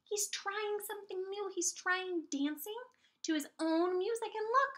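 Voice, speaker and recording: With a very high voice, a woman who teaches preschool reads a picture book aloud, full of expression and encouragement. She stops now and then to explain things in simple terms and to ask the little ones questions.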